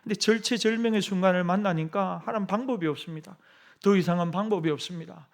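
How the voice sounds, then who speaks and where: A man's voice: sits high, fast talker, vocal fry. A man voicing Jacob's prayer in a sermon, pleading desperately and humbly.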